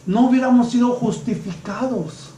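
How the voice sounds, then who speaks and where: A male pastor preaching a sermon to his congregation, calling them brothers, swinging between loud and hushed and slowing down for emphasis. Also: extremely high pitch, echoey room, a little hiss or hum, rough recording. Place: church.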